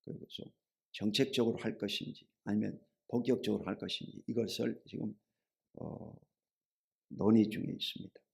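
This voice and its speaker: A middle-aged male pastor preaching a sermon, asking the congregation rhetorical questions and calling for amens, telling homely stories in a chatty way that swings between loud and low. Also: steady tone, normal speed, gravelly. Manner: colloquial storytelling, shifts between loud and low.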